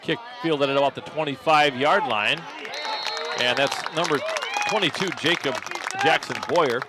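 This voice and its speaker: A man handles play-by-play for a local radio football game at a moderate pace, with a crowd and plenty of noise in the background. His steady calling surges louder and higher when plays break open, and he corrects himself as he goes.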